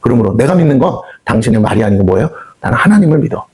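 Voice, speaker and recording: A man's voice: medium pitch, sing-song, very fast, darkish tone. A man preaching a sermon in a prayer house hall, firing rhetorical questions at his listeners and acting out people's reactions with sighs. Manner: call-and-response questions to the congregation; acts out quoted reactions with sighs.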